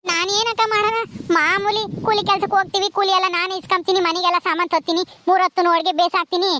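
A woman's voice: very high-pitched, level tone, fast talker, background noise. A woman playing a young village daughter-in-law who complains indignantly in a comedy skit. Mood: complaining.

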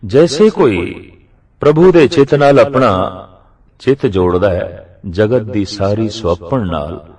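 A man giving a religious discourse as a preacher, speaking in a slow, measured way and drawing out the verses he recites. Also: on the low side, animated, a little mellow, distant mic.

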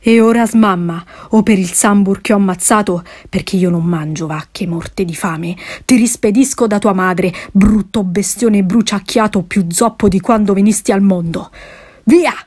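A woman's voice: medium pitch, normal speed, hardly any pauses, darkish tone, natural voice. A woman playing a fierce mother wolf.

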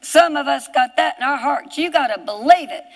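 Woman preacher, Southern US accent, fervent, reads scripture, high pitch. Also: lively intonation, normal speed, long reverb tail, low-quality recording. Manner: fervent, rising to shouts, reads scripture aloud. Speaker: preacher on a ministry broadcast. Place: television studio set.

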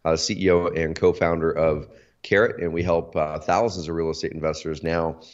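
A company CEO in his thirties from Oregon, USA, joins a casual video call interview as a guest from his indoor home office. His rumbling low voice is hoarse from allergies, and he talks at normal speed, energetic and talkative, with lots of fillers. The video call audio is slightly dull and lo-fi.

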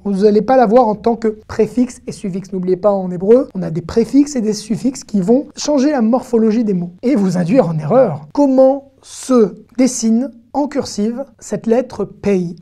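A woman giving an online lesson, chatty and lively, talking straight to her viewers with frequent "hop" and "hein" asides. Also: medium pitch. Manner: addresses the viewer directly. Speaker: Hebrew teacher.

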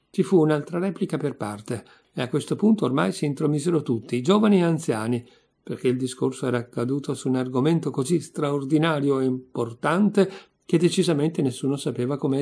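A man reading a classic story aloud in a measured, expressive narration. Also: medium pitch, vocal fry, breathy edge. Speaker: audiobook reader.

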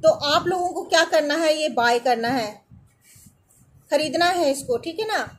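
Speaking at normal speed in a high-pitched, expressive voice, a woman in her thirties shares skincare tips with viewers from inside a room. As a beauty vlogger, she's earnest and reassuring in a casual way, frequently asking if they're following and tossing in "theek hai na."

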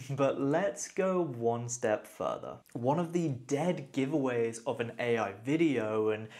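A man's voice: medium pitch, lively intonation, slow pace, darkish tone. A man hosting a casual tutorial, enthusiastically talking the viewer through each step. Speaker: tutorial host. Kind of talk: casual screen-recorded tutorial.

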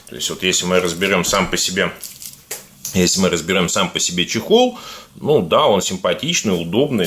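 A man with a deep voice and a defective, burred R talks casually through an unboxing. His delivery is conversational and halting, addressed informally to viewers. There is clear noise behind him, with clicks. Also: a bit bright. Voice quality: burr, defective pronunciation of the R sound. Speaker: video blogger unboxing parcels. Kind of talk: casual product unboxing commentary.

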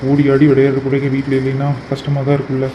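A man voicing a gentle, emotional father in a cartoon who talks softly and pleads with his daughters. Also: medium pitch, completely flat delivery, rapid-fire, background noise, natural voice. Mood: sad. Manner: soft, pleading, consoling. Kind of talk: cartoon voice acting. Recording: muffled lo-fi recording.

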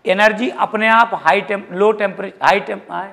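Guy teaching physics, fairly high voice, jokey, throws in english words. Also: moderate pace, creaky. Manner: lively, jokey, mixes English terms into Hindi. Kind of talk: classroom lecture.

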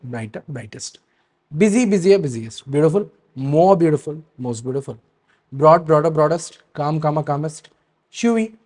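A man teaching a grammar lesson, checking in with a frequent "right?" and pausing to hesitate. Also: a little high. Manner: reads word lists in a steady, falling rhythm. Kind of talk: explaining grammar rules to students.

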